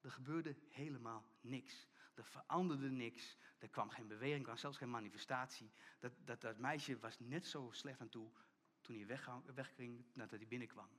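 A middle-aged man preaching a sermon as pastor, telling a story and acting out the people in it, often dropping to a hushed tone for emphasis. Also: mid-range voice, normal speed. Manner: storytelling preacher, acts out quoted voices, drops to hushed emphasis.

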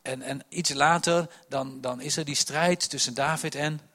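A man preaching a sermon, telling Bible stories with many restarts, dropping to soft asides and rising to loud emphasis. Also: on the high side, steady tone, measured pace.

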